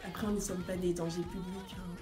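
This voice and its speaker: A woman in her twenties, born in Guinea and raised in France, chats casually as a vlogger, giggling and rambling. Her voice is fairly low and level, delivered fast in a roomy-sounding space with loud music playing behind her.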